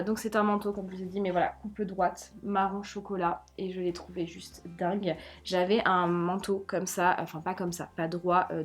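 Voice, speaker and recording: Vloggeuse bavarde au timbre un peu grave, ton de haul enthousiaste, répète ses mots. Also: female voice, lowish voice. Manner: chatty, gushing, repeats words for emphasis. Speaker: fashion vlogger. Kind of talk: casual haul video chat.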